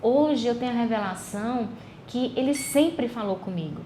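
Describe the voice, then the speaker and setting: A woman's voice: a little high, moderate pace, warm tone, slight background noise. A woman with a Brazilian Portuguese accent, a podcast guest sharing a personal faith testimony in an earnest, reflective way.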